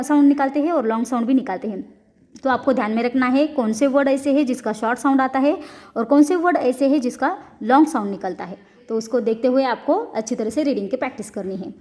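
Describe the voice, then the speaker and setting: A woman teaching a lesson, reading slowly, spelling out words and explaining quickly in Hindi. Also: high-pitched, darkish tone. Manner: slow and careful in English, quick in Hindi, spells words letter by letter.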